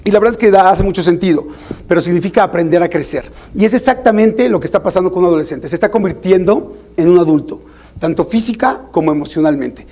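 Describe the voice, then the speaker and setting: Man, Mexican accent, high-pitched voice, animated, informal talk to parents. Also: fast. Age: adult parent. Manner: animated, acts out parents and teens in higher voices. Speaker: parenting speaker.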